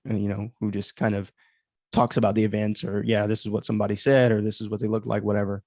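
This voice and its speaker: A man with a low, fairly flat, darkish voice talks fast in a clean, dry studio recording with no room sound. He's an author hosting a livestream of his audio drama, giving casual, rambling commentary full of conversational asides.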